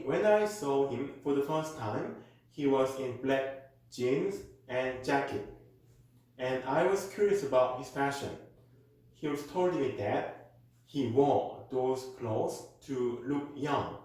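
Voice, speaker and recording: A man with a Korean accent works as a tutor and reads model exam answers aloud, slowly and carefully so learners can follow. His voice sits at an ordinary pitch for a man. It rings out in a very echoey room. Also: a little mellow. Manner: slow, careful delivery for learners. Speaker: IELTS speaking tutor.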